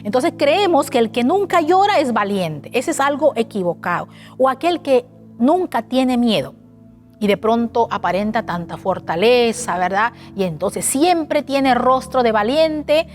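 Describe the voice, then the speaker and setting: A woman preaching a sermon in an animated way, asking the listeners rhetorical questions. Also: a little high. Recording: faint music behind.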